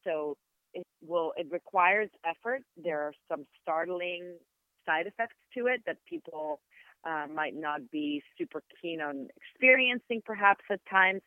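A podcast guest, a native Hebrew speaker with an Israeli accent, talks in a smooth, even voice of fairly low pitch. Her reflective explanations come in a measured, searching way, full of pauses and restarts. The recording is dry and close, with a thin, tinny, phone-like sound.

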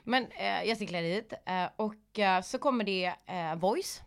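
A woman comedian in casual podcast chat, telling animated stories, swearing freely and laughing often. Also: mid-range voice.

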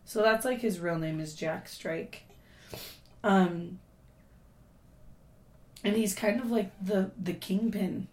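A hoarse woman who has lost her voice, co-hosting a casual podcast chat and rambling with many fillers. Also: medium pitch, slow pace, pauses often, reverberant, slight background noise. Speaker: podcast co-host.

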